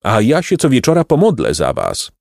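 A man voicing a gentle, devout old mother in a storybook reading. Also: medium pitch, wildly swooping pitch, moderate pace, vocal fry, no echo, clean studio sound, pitched above the performer's own voice. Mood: grateful. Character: old pious grateful mother.

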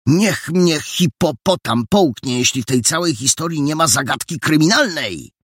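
A man's voice: on the high side, animated, normal speed, a bit bright, husky, no echo, pitched above the performer's own voice. A man voicing a skeptical, wry young boy detective. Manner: dry, doubting questions.

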